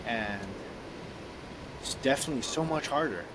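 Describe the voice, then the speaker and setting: Male host, eager conversational tone, audible background rumble. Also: lively intonation, normal speed. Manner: enthusiastic, short reactions. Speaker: podcast host. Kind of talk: casual conversation.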